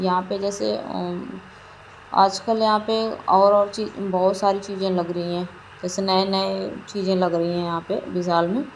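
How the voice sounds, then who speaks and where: A woman's voice: mid-range voice, rough recording. A middle-aged woman narrating a shopping trip in a casual vlog, rambling and repeating herself as she talks. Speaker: vlogger. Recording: faint background noise.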